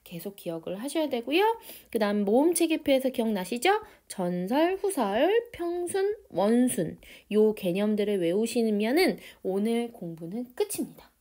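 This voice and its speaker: A woman's voice: mid-range voice, very animated, moderate pace, few pauses, dark tone. A woman teaching a grammar lesson online, cheerful and emphatic, stretching out the key words she wants students to remember. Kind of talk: online lecture.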